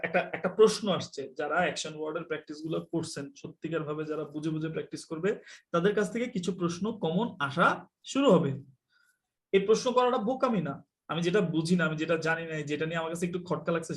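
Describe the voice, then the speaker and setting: A man teaching a live online English class, explaining quickly and telling students to mute their mics. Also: fairly high pitch. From Bangladesh.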